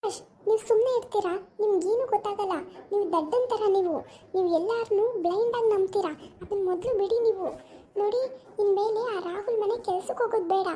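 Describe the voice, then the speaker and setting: A bitter, jealous young wife who sneers and rages at her rival, as a woman plays her. The voice is very high but mellow and dark in tone. This is an amateur village drama. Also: quick pace. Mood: scornful. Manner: scornful, accusing, shouting insults.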